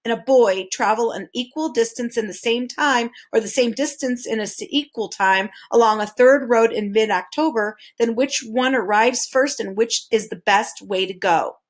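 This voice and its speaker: A woman's voice: a little high, moderate pace, few pauses, natural voice. A woman voicing a fussy, precise male creature with twelve faces, lecturing in a storybook reading. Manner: lecturing, pedantic, exclamatory.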